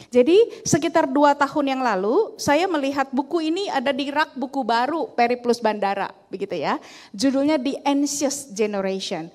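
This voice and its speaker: A middle-aged woman, giving a lively, chatty talk about a book to a church class, with many fillers and repeats. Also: high voice, normal speed. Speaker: guest speaker at a church couples' class.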